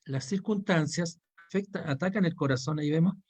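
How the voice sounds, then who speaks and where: A man teaching a Bible counseling lesson, explaining a diagram step by step. He speaks in a measured way, and his voice sits a little higher than most men's. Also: a little mellow, husky. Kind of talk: online course lesson.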